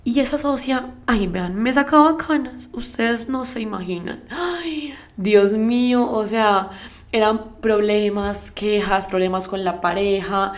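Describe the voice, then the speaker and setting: A young adult woman leading a network marketing team, giving a motivational live talk and speaking straight to her audience with lively asides. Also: mid-range voice, a little slow. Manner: emphatic, addresses the audience directly.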